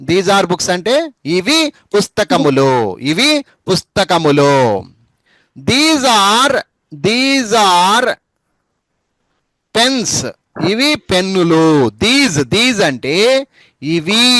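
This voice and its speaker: A man's voice: sits high, very animated, extremely slow, long pauses, pushed and bright, dry recording. A male English teacher, patiently spelling words letter by letter and repeating them for his students. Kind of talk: spoken English lesson over a group call.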